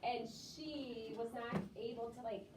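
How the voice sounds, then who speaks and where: Standing away from the mic in an echoey, clearly noisy classroom, this elementary school teacher explains things simply to young kids and rewords as she talks. Her voice is a little high, steady in tone, and a little slow.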